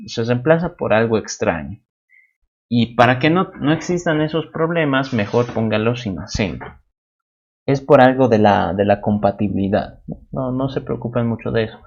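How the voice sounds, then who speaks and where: Man, programming tutor, step-by-step live coding, mid-pitched voice, dull muffled audio. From Bolivia. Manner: explains step by step, often ends with a questioning "no?". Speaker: teaching assistant.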